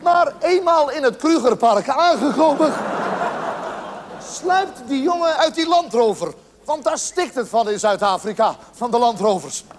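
High-voiced man telling a comic tale on stage. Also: animated, a little slow, a little hiss or hum. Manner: rambling storytelling with sudden mock-earnest asides to the audience. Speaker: stand-up comedian. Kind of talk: live theatre comedy monologue. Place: large theatre stage with audience. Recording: live theatre recording with long hall reverb. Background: audience laughter.

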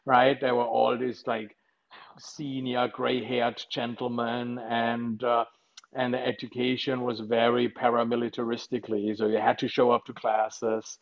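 Speaking from his living room over a video-call webcam, a middle-aged German vet with a German accent jokes and tells stories as an interview guest, using plenty of fillers. His mid-range voice is creaky, level in tone, and measured in pace. The casual interview's audio comes through slightly dull.

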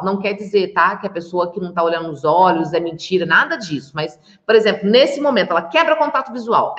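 A woman with a Brazilian Portuguese accent, a body language expert explaining in an interview, lively and acting out little quoted scenes. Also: fairly high pitch. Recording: echoey roomy dull sound.

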